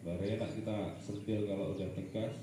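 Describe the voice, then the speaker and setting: Low-voiced man lecturing students, echoey and distant. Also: little pitch movement, brisk. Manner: firm and corrective, with casual asides. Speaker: speaker addressing students at a school assembly. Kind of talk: lecturing, giving instructions. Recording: echoey, far from the mic, noisy.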